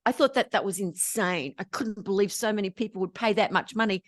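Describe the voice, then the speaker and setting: An Australian woman telling lively stories as an interview guest, often laughing between anecdotes. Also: mid-range voice, a little fast, no echo, studio quality. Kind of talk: storytelling in casual interview chat.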